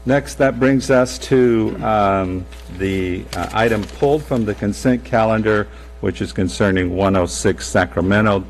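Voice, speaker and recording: A man chairing a public meeting in formal procedural language, with a halting delivery. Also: fairly low pitch. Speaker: commission chair. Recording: faint hum and noise.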